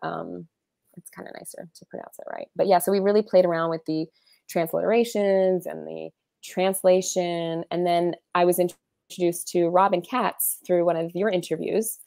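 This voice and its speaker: A woman's voice: fairly low pitch, steady tone, moderate pace, gravelly, darkish tone, no room sound. A woman in her thirties, an author being interviewed over a video call, talking casually with lots of fillers and restarts. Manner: chatty, many fillers and restarts. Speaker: author and illustrator guest.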